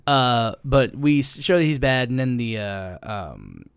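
A man's voice: medium pitch, very animated, measured pace, vocal fry, clear, resonant tone, no echo, studio quality. A man co-hosting a casual podcast, laughing often, self-deprecating and swearing freely. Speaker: podcast co-host. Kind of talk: casual chat.

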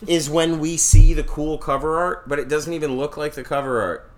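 A man's voice: fairly high pitch, fairly even intonation, moderate pace. A man co-hosting a podcast in casual chat, talking loosely and swearing offhandedly. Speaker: podcast co-host.

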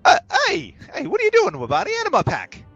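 A man voicing a gruff, drunken male adventurer who grumbles in a tabletop game. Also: very high voice, wildly swooping pitch, quick pace, a bit bright, lo-fi sound, faint music behind, voice pushed up, heavily acted. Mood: indignant.

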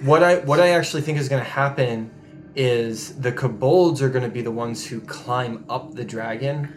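Man, game master, casual narration, medium pitch, light background music. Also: moderate pace.

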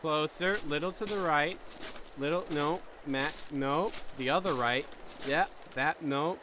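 A man's voice: on the high side, measured pace, background noise, lightly acted. A man playing an exasperated squad corporal who barks orders at his soldiers, in a comedic audio drama. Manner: barking orders, impatient.

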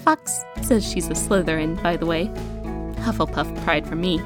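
A woman's voice: low voice, normal speed, music in the background, close to an everyday voice. An actress playing an awkward, earnest young woman with magic, rambling and hesitant as she records herself in an audio drama. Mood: chatty. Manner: rambling, hesitant, stammering when flustered.

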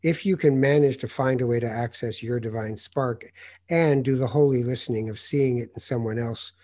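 A man from North Africa, a journalist hosting an interview, telling lively anecdotes with many hesitant fillers. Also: medium pitch, moderate pace. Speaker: host, journalist. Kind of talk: conversational interview storytelling.

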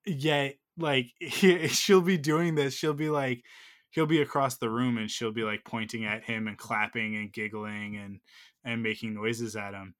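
A man's voice: mid-range voice, fairly even intonation, a little slow, a bit bright. A man in his thirties telling a long personal story in casual chat, full of fillers and restarts. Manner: rambling, filler-heavy storytelling.

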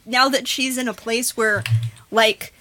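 High, bright woman player, eager, cuts in. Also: steady tone, slight background noise. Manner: eager, talks over others, quick restarts. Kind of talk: casual tabletop game chat.

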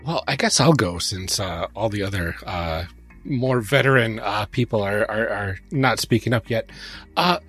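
A woman's voice: rumbling low, moderate pace, soft background music, voice pushed down. A woman voicing a shy, nervous teenage magical-girl agent who stammers and trails off. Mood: timid.

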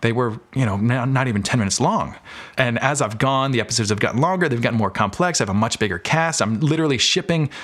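A man with a mid-range, somewhat bright voice talks quickly as a podcast guest. He's a filmmaker and audio drama creator, chatting informally and candidly in a casual interview, often rambling through his explanations.

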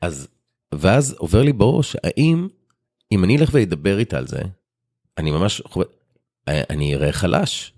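A man's voice: sits low, sing-song, pauses often, a little mellow. A man in his forties hosting a podcast, chatting casually and telling personal stories in colloquial speech. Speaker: podcast host. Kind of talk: casual chat.

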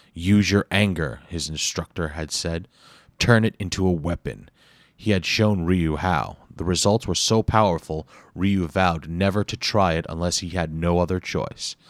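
Deep-voiced man reading an audiobook. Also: no echo. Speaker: audiobook narrator. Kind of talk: scripted audiobook narration.

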